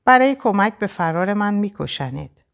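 A woman reading the part of a desperate young captive in an audiobook, her voice kept low and urgent as she presses her friend to flee. The tone lifts somewhat above the reader's own and swings widely from line to line. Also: animated, gravelly. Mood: earnest. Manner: urgent, hushed pleading. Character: desperate young Frenchwoman, captive, urging escape.

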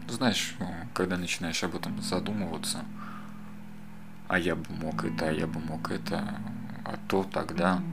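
A man in his thirties in a casual, rambling monologue, talking straight to the listener and drifting off on side thoughts. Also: low-pitched. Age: 30s. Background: loud acoustic guitar music.

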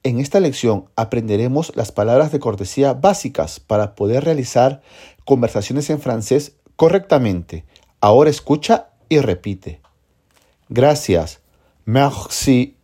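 A teacher giving a scripted language lesson, speaking slowly and clearly and drilling words for the listener to repeat. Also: medium pitch, lively intonation, dark tone. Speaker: French teacher.

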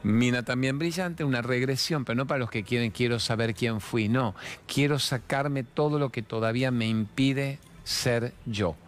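Playful fast-talking Argentine man in his sixties. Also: mid-range voice, slight background noise. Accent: Argentine Spanish. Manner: fast, playful, expressive, jumps between jokes and spiritual reflection. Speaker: TV talk show host. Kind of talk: chatty monologue with humorous anecdotes and sponsor mentions.

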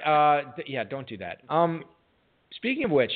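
The podcast host here has a slightly high voice whose pitch swoops wildly, though he speaks at a normal speed. Over tinny, phone-like audio, he runs his fantasy football show like casual sports radio, reading promos with self-deprecating jokes.

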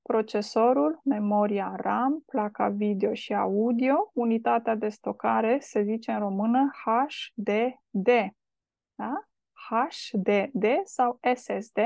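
A woman hosting a podcast and teaching vocabulary in a relaxed way, explaining step by step and often checking in with a quick "da?". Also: fairly high pitch, vocal fry, no room sound. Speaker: language teacher and podcast host. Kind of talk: casual vocabulary lesson.

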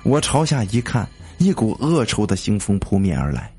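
A man narrating a story in a slow, dramatic reading style. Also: fairly low pitch, sing-song, dark tone, breathy edge. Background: faint music.

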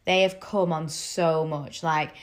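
A woman's voice: low-pitched, fairly even intonation, takes it slowly. A woman in her own voice, a wedding makeup artist co-hosting a podcast, chatting with enthusiasm and drawing her co-host in. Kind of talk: casual podcast chat.

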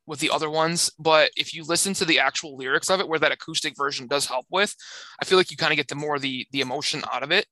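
Bright-voiced young man in casual chat. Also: a little high, quick pace, dry recording. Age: young adult. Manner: loose, joking, swears casually. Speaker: podcast co-host.

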